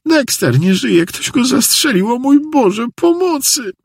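A man voicing a grieving, panicked widow who cries out in a shrill, wailing voice. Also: big pitch swings, unhurried, gravelly, slightly rough, no room sound, studio quality, full character voice. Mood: hysterical.

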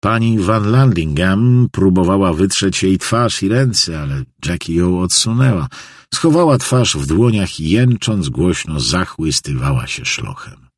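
A man reading a novel aloud as an audiobook narrator, in a measured, expressive way. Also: sits low, husky, no echo, studio quality. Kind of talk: scripted narration.

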